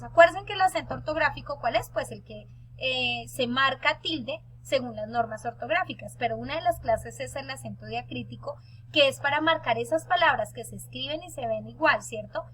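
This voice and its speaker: A woman's voice: sits high, fairly bright tone, breathy edge. A woman teacher giving a recorded online lesson to her pupils, explaining step by step and checking in with her listeners.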